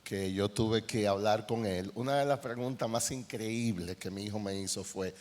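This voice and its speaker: A man's voice: fairly low pitch, normal speed. A middle-aged man with a Dominican accent, a counselor speaking on a conference panel, telling anecdotes. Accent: Dominican Spanish. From Dominican Republic. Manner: storytelling, animated anecdotes with quoted dialogue. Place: large conference hall. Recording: reverberant hall.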